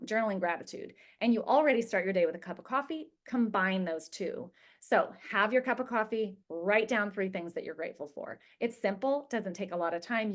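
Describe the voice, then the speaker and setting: Chatty woman coaching a habits group. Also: medium pitch. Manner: chatty, many fillers and "like". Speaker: wellness coach. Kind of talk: casual group coaching talk.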